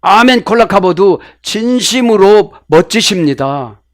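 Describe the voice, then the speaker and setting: Animated preaching man, dry close sound. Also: high-pitched, a little slow, dry recording. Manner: animated, swings between loud exclamations and hushed asides. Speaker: pastor. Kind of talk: sermon with Bible word study.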